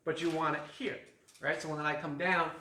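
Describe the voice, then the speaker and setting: A man's voice: fairly high pitch, level tone, fairly quick, bright, forceful tone, roomy sound, far from the mic. A man as fitness coach, leading a guided stretching class with jokes and countdowns. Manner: joking, upbeat instruction with counting. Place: fitness studio.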